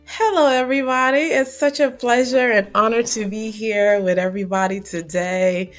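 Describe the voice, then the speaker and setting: A woman from Gambia, a guest in a casual interview, telling her story in a lively, laughing way. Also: a little high, moderate pace, faint music behind.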